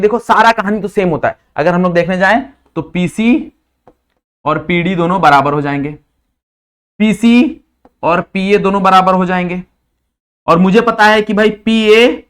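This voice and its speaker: A man teaching physics in a lecture style with a slight lisp, who keeps quizzing students with quick questions and calls them brother. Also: high-pitched. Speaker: physics tutor. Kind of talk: classroom lecture mixing Hindi and English.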